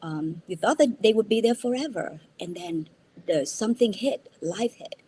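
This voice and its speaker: Speaking from her mother's house over a video call, this entrepreneur in her fifties, a native Vietnamese speaker from Vietnam, is jet-lagged and earnest as she shares her story in a casual interview. Her medium-pitched voice is expressive and dark-toned, at normal speed, with slight background noise. She often restarts words and ends sentences with "right?".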